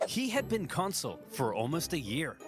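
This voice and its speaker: A man's voice: on the high side, wildly swooping pitch, normal speed, music in the background. A man giving a scripted, comedic narration of history, as the narrator of a video.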